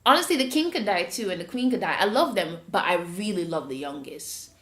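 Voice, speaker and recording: Woman, Jamaican accent, lively storytelling, podcast host, roomy echo. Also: fairly low pitch, a little fast. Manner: animated, acts out voices when retelling. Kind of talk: casual storytelling chat.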